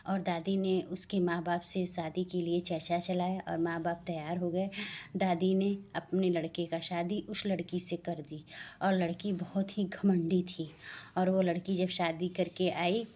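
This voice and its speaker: A woman's voice: fairly low pitch, dark tone. A woman telling a devotional folk tale in a plain, homely way, restarting sentences as she goes. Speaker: storyteller.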